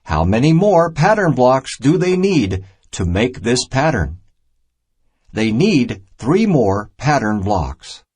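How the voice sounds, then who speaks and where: A male narrator of a children's math storybook reads a simple lesson aloud, slowly and deliberately, setting each short phrase apart. His mid-pitched voice is a little husky and rises and falls in a lively way. The reading is scripted, plain, and instructional.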